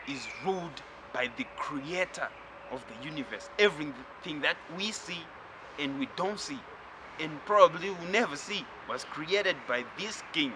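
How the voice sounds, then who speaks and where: A man from Zimbabwe giving a spiritual lecture, talking slowly and reflectively and addressing the listener directly. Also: fairly high pitch, background noise.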